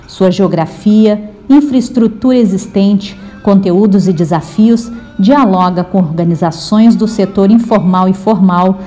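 A woman from Brazil hosts a podcast, reading her introduction slowly and with care. Her voice is mellow and dark, with faint music beneath it. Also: mid-range voice. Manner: slow, measured reading. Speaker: podcast host.

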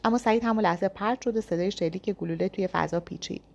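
A woman's voice: medium pitch, creaky. A woman reading a first-person thriller story aloud with tense, dramatic storytelling. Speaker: narrator.

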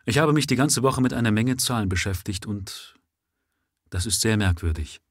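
A man voicing an exhausted young factory worker who speaks softly, calmly and without passion. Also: on the low side, moderate pace, no echo, clean studio sound. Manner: calm, soft and passionless.

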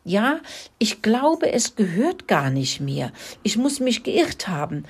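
Woman doing a storybook hen, nervous, stammering, raised pitch, unhurried. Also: big pitch swings, husky, full character voice. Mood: flustered. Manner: stammering, flustered. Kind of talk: storybook reading.

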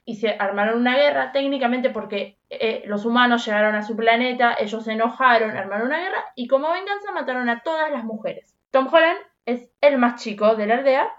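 A woman's voice: fairly high pitch, a little fast, hardly any pauses, highs cut off. Blunt, slangy Rioplatense woman. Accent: Rioplatense Spanish. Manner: blunt, slangy, animated storytelling. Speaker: podcast co-host. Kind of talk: casual chat.

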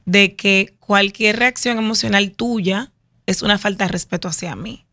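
A woman hosting an interview, asking questions and answering with quick, engaged reactions. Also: medium pitch, bright, forceful tone, no room sound. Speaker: interview host. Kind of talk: conversational interview.

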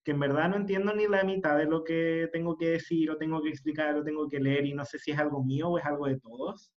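A man's voice: on the high side, fairly even intonation, fast. Young Chilean man, lo-fi chat. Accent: Chilean Spanish. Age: young adult. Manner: chatty storytelling, filler-heavy. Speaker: university student. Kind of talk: casual chat. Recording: dull lo-fi sound.

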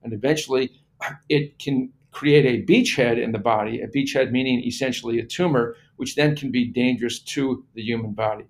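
A man's voice: medium pitch, fairly quick. A man speaking as an expert interview guest, explaining things step by step in plain words with emphatic repetition.

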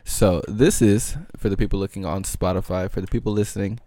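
A man's voice: low-pitched, fairly even intonation, a little fast, dark tone, no room sound. A man hosting his own podcast, rambling in loose, slangy casual chat with lots of filler words. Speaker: podcast host.

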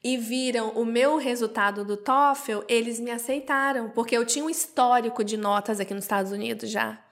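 Brazilian lady telling her story in an interview, kinda high voice, acts out the quotes. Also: moderate pace. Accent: Brazilian Portuguese. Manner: animated, acts out quoted voices with jumps in pitch. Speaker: interview guest. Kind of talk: personal storytelling in conversation.

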